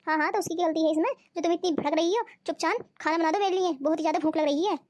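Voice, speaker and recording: A woman's voice: very high voice, very fast, darkish tone, slight background noise. A woman voicing a lazy, hungry husband in a cartoon, who scolds his wife. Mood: demanding. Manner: scolding, nagging. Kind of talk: cartoon voice acting.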